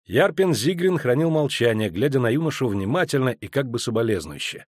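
A man narrating an audiobook in a steady, even storytelling manner. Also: mid-range voice, fairly quick, no echo, studio quality.

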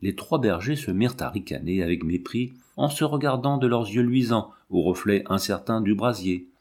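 A man narrating a classic novel as an audiobook in a measured, dramatic reading. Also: fairly low pitch, lively intonation, a little mellow.

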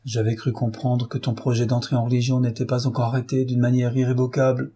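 A man reading the lines of an eager, caring married woman in a storybook, voicing her a little higher than his own voice. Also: completely flat delivery, fast talker, dark tone, husky, natural voice.

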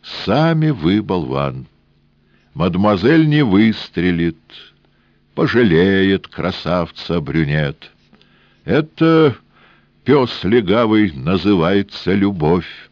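A man voicing a cocky card-sharp thief who talks in a smug, mocking, coaxing way. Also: low voice, very animated, slow pace, no echo, lo-fi sound, voice pushed up, heavily acted.

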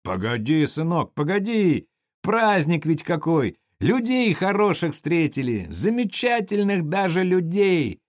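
A man's voice: fairly high pitch, sing-song, measured pace, no room sound, studio quality, pitched above the performer's own voice. A man doing a rowdy drunk peasant. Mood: drunk merry. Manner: slurring, boisterous, rowdy. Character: drunk, clowning middle-aged peasant man.

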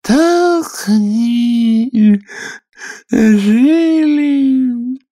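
A man voicing a sleepy female dormouse from a storybook, in a slow, high, drawling voice. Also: dark tone, exaggerated voice. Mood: drowsy.

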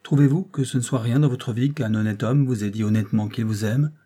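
A man playing a calm, commanding young man declaring his love in earnest, authoritative tones. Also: mid-range voice, brisk, breathy edge, lightly acted.

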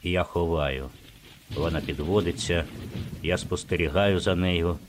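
A man reading an audiobook in the first person, in a steady, even manner. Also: deep voice, measured pace, background noise. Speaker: audiobook narrator. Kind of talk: scripted first-person narration.

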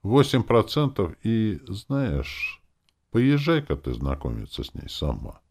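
A man's voice: fairly low pitch, huge pitch swings, slow, darkish tone, pitched above the performer's own voice, full character voice. A man playing a crude, sardonic young man. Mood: gruff. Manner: gruff, dry, mocking. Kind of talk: audiobook reading.

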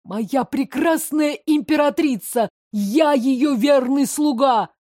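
A woman's voice: sits high, slow, mellow, dry recording, clean studio sound, voice pushed up. A woman reading an audiobook, voicing a drugged young man, a lovesick and fanatical adjutant who speaks in a strained, feverish way.

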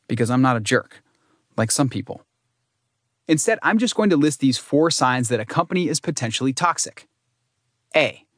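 A man's voice: mid-range voice, no room sound. A man reading nonfiction narration with dry, wry humor. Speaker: audiobook narrator.

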